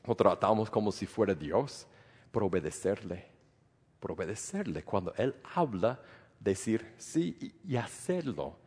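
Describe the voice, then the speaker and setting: Husky-voiced man preaching in a reverberant hall. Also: on the low side, very animated, unhurried, a little mellow. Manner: earnest preaching with rhetorical questions. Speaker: pastor. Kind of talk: sermon.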